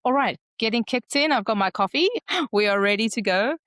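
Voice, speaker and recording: A woman's voice: on the high side, expressive, fairly quick, a bit bright, no echo, clean studio sound. A woman hosting a solo podcast, talking in a candid, reflective, conversational way. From South Africa. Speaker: podcast host.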